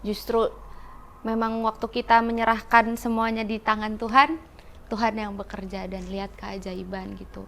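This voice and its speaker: A woman's voice: mid-range voice, flat delivery, moderate pace, vocal fry, fairly bright tone, a little hiss or hum. A woman guest in an interview, earnestly telling her story and repeating words for emphasis. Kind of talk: testimony in an interview.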